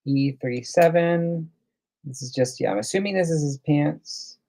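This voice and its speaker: A man's voice: fairly high pitch, a little slow, creaky, mellow, a little hiss or hum. A man hosting a casual live coloring demo, chatting and thinking aloud as he works. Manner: chatty, thinks aloud while working, reads out viewer comments. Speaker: livestream host.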